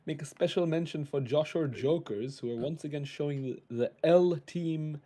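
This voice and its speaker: A young man with a mellow, warm tone and a slightly raised pitch joins in on cricket game commentary. He teases other teams and trips over his words, restarting them as he goes. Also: moderate pace. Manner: playful teasing, restarts words. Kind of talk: casual gaming cricket commentary.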